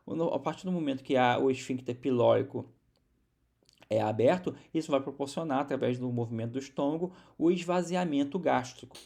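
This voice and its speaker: A man's voice: medium pitch, vocal fry, darkish tone. A man from Brazil giving a recorded university biology lecture, explaining step by step with many restarts and repeated words.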